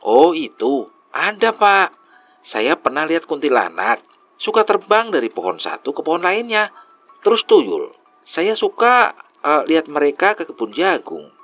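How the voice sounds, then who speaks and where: A man's voice: on the high side, very animated, measured pace, fairly bright tone, highs cut off, soft background music, voice pushed up. A man voicing a young male worker at a tourist site, chatty and easily frightened, in a storytelling dialogue. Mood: telling.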